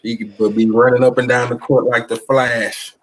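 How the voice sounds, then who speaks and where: A man with an East Texas country twang talks loud and lively in a casual live interview. He is a basketball coach who tells his stories with plenty of energy. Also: mid-range voice, normal speed.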